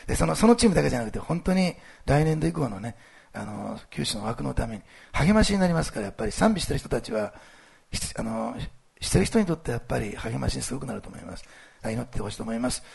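A man speaking as a pastor, giving a casual, lively sermon with church announcements and plenty of fillers. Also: medium pitch, fast talker. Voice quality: gravelly, husky voice. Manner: lively, animated delivery with many fillers.

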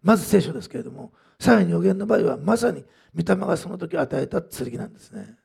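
Man in sermon mode, husky and gravelly, chatty asides, lively pitch. Pastor type. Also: fast talker. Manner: conversational, frequent "ね" asides, many fillers. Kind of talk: sermon with testimony.

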